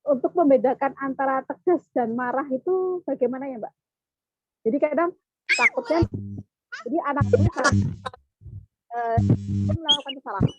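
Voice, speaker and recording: A woman's voice: high-pitched, very animated, normal speed, long pauses, faint music behind. A woman hosting a discussion, asking questions hesitantly. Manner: hesitant, many fillers. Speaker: host. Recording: dull lo-fi dry recording.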